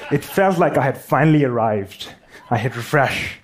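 A man's voice: medium pitch, animated, normal speed. Wry man with a Pakistani accent. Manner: wry, self-deprecating humor. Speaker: speaker giving a talk. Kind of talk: storytelling conference talk.

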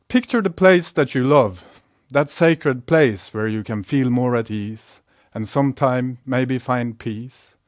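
A man with a Norwegian accent speaks in a calm, reflective way, pacing his prepared talk with measured pauses. His voice sits at an ordinary middle pitch. The sound is close and dry, with no room around it. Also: no room sound. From Norway.

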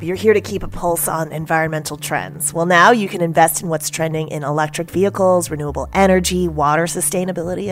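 A woman announcer with a fairly low voice reads sponsor spots in an upbeat, polished style. Faint music plays under her. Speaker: podcast announcer. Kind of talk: scripted ad read.

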